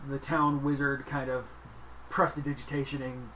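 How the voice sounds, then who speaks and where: Bright-voiced game master, casual narration. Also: medium pitch, little pitch movement, moderate pace, poor audio. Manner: improvising, jokey. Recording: some background noise.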